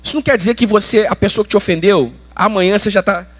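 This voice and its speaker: A man's voice: sits high, quick pace. A Brazilian man preaching a sermon as pastor, colloquial and emphatic, with slangy asides. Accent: Brazilian Portuguese.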